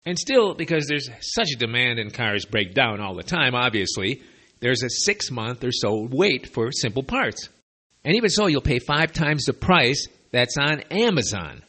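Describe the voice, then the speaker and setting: This American podcaster, who has a slight lisp, is recording on improvised borrowed equipment outside his normal studio. He speaks at normal speed with a medium pitch, big swings in intonation and a pushed, bright sound, rambling through sardonic, conversational, opinionated remarks.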